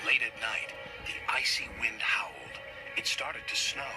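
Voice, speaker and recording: A man narrating a toy-train storybook in an expressive read-aloud manner. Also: medium pitch, measured pace, music in the background.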